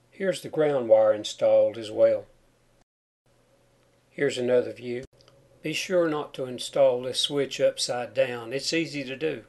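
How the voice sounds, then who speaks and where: This man, a do-it-yourself home wiring teacher, explains a tutorial in plain, sequential steps. His voice sits in the middle range with a creaky, somewhat dark quality, and his s sounds carry a whistle from a chipped tooth.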